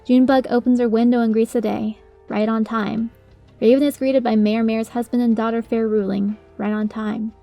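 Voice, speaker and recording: A woman's voice: on the high side, level tone, normal speed, creaky, warm tone, lo-fi sound. A woman reading a first-person story as its narrator, in a dramatic storytelling style. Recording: music under the voice.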